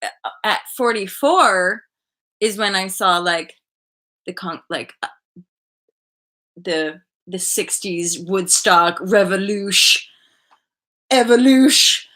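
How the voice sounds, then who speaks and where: A woman in her thirties hosting a casual live chat from a bedroom, chatty and animated, full of likes and restarts, heard through a webcam mic. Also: medium pitch, slow pace, pauses often. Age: 30s. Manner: animated, gestures a lot, laughs often. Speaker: livestream host. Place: bedroom indoors. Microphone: webcam at desk distance.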